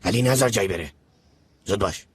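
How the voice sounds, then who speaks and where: An actor playing a scheming, desperate uncle in debt who rambles and pushes others, in a dubbed TV drama. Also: male voice, fairly low pitch, noisy background, close to an everyday voice. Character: scheming, desperate middle-aged man. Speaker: uncle in debt chasing an inheritance.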